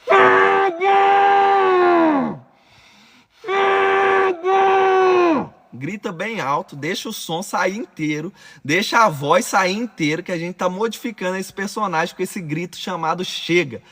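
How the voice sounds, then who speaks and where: Homem, sotaque brasileiro, instrutor, voz aguda, tom intenso e firme, exercício de visualização guiada. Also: male voice, high voice, normal speed, hardly any pauses, pushed and bright, slight background noise. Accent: Brazilian Portuguese. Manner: commanding, urgent directions in the second person. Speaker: course instructor.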